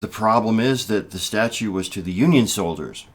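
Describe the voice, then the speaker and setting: A man in his fifties speaks in a fairly low voice, giving political commentary straight to camera. He talks in a measured, halting way, restarting phrases and leaning hard on key words. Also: breathy edge. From United States. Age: 50s. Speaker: political vlogger. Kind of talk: casual spoken commentary.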